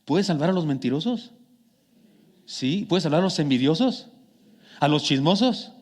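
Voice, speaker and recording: Mexican male preacher, chatty storytelling sermon that drops quiet then pushes emphatic, somewhat high-pitched, ringing hall. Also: expressive, normal speed. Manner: conversational, swings from hushed to emphatic. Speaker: pastor. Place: church sanctuary. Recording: long church hall reverb.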